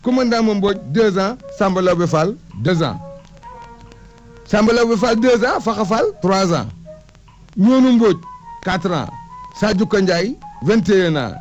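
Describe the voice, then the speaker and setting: An oral historian in conversation, this man recounts history and lists of names emphatically, like a recitation. His high, darkish voice is animated yet unhurried, broken by long pauses, over muffled lo-fi audio with music behind.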